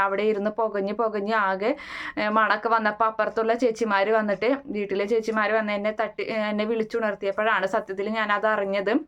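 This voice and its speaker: A woman's voice: medium pitch, a bit bright, clean tone, dull audio. A woman casually retelling the plot of a TV serial, with many "eh" fillers and restarts. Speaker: serial recap narrator.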